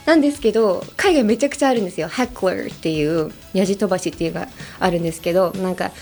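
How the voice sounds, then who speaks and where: A young American woman from Los Angeles hosts a podcast, chatting casually and laughing often as she switches between languages. Her American English voice is on the low side and a little mellow, and she races along over soft background music.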